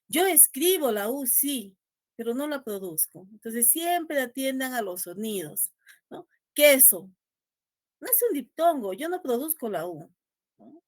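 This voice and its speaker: A woman teacher leads an online class, her voice a touch high and recorded dry and close. She is patient and repeats her key points. She ends many phrases with a rising check-in to her students. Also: big pitch swings, unhurried, no echo. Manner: checks in constantly with a rising tag question.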